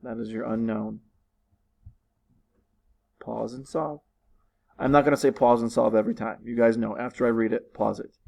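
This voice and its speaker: Gravelly-voiced male teacher. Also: medium pitch, little pitch movement, fast, warm tone, low-quality recording. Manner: patient, repeats instructions, talks to students. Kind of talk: recorded online lesson walkthrough. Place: living room at home.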